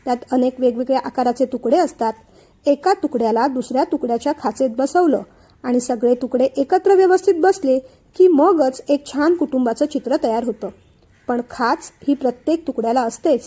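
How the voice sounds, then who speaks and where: A woman voicing a gentle, wise mother-in-law who gives soft, affectionate advice. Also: high-pitched, normal speed. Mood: tender.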